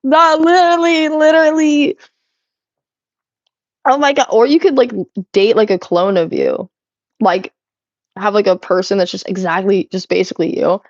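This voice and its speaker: A woman's voice: mid-range voice, fairly even intonation, moderate pace, long pauses, no echo. A young adult woman streaming while she cleans, chatting loosely with her viewers, giggling and swearing often. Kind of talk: casual live-stream chat while cleaning. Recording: slightly muffled, dry sound.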